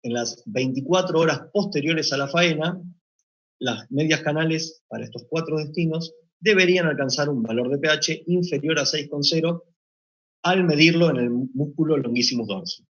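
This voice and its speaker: A man giving a measured technical conference presentation, explaining point by point with occasional hesitations. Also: on the high side, a bit bright. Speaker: meat plant deputy manager presenting. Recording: dull lo-fi recording.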